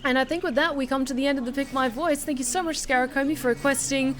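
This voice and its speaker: A chatty, expressive woman giving casual live commentary as she plays a game. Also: high-pitched, fast talker, a little hiss or hum. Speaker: game streamer and author. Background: game music.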